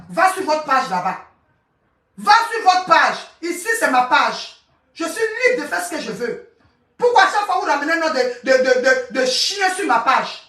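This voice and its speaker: A woman's voice: very high-pitched, sharp tone, distant mic. A woman coach ranting angrily on a live stream, scolding with many repeats and stammered restarts, away from the mic in an echoey room. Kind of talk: angry live-stream rant.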